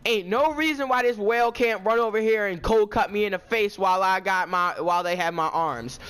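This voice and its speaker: A man's voice: high-pitched, fairly quick, fairly bright tone, smooth. A teenage boy telling a storytime vlog in a casual, indignant, ranting way. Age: teens. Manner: indignant, ranting, self-justifying.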